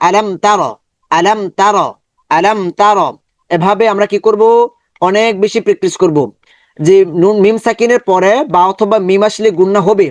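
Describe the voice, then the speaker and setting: A man's voice: sits high, dry recording, clean studio sound. A man teaching a Quran recitation lesson, explaining rules patiently and repeating syllables aloud for practice, with a Bangladeshi Bengali accent. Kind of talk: step-by-step online lesson.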